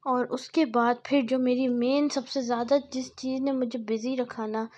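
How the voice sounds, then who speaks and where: A woman's voice: high voice, little pitch movement, normal speed, a little mellow. A young adult woman chatting through a casual vlog voice-over, rambling and correcting herself as she goes. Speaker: vlogger.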